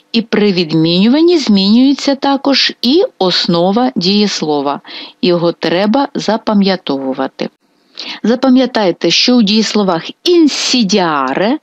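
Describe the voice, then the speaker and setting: A woman teaching a video grammar lesson, slowly and carefully drilling verb forms one by one. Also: lowish voice, dry recording, dull audio. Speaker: Italian language teacher.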